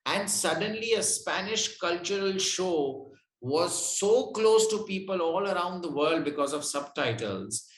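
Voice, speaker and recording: A man answers interview questions as a guest in a high-pitched, expressive, slightly bright voice, speaking a little slowly. He explains things conversationally and keeps checking in with the listener, and the recording sounds roomy and echoey.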